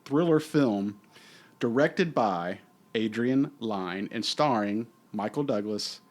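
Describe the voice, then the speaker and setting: A man's voice: fairly low pitch, lively intonation, slow. A middle-aged man co-hosting a podcast in easy, casual chat. He hams things up with mock-grand declarations and plays to the listeners. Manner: theatrical, hammy, mock-grand. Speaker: podcast co-host.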